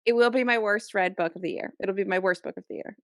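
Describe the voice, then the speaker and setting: A woman's voice: medium pitch, quick pace, no echo. Ranting woman on a close podcast mic. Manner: animated, exasperated ranting with many restarts. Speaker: podcast co-host. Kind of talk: casual chat.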